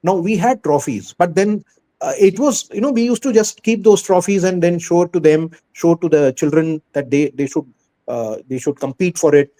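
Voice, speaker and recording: A man with an Indian accent speaks in a mellow, somewhat high voice. He answers as a school head in an interview, earnest and conversational, restating phrases to press his point. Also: moderate pace, low-quality recording.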